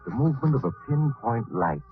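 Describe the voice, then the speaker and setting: A man playing an eerie, suave storyteller who narrates 1940s radio suspense in a measured, theatrical way. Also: mid-range voice, expressive, close to an everyday voice. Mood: grave, suspenseful. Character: eerie, suave male storyteller, the Mysterious Traveler. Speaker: narrator and host. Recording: old radio broadcast, tinny, music bed.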